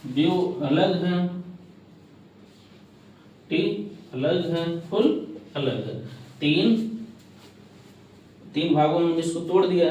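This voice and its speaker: A man's voice: a little high, a little mellow. A male English teacher lectures a class. He asks questions and answers them himself, repeating the key terms. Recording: very echoey classroom, mic at a distance.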